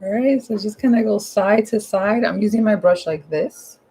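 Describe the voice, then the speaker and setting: This hoarse, husky-voiced woman has a medium pitch and a dark tone, moving at a moderate pace. At home, she gives a casual, chatty painting tutorial one step at a time, going over her instructions again in everyday language.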